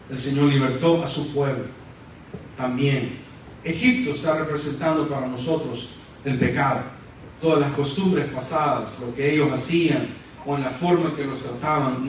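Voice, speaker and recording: A man's voice: on the high side, a little hiss or hum. A man preaching a fervent sermon to a congregation, constantly calling them brothers. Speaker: guest preacher. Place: church sanctuary. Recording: echoey church hall from far off.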